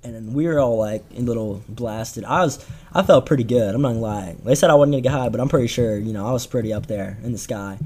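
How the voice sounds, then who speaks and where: A man's voice: mid-range voice, quick pace, a little mellow, breathy edge. A teenage man telling a rambling, slangy story on a casual podcast, with lots of fillers and restarts. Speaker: podcast co-host.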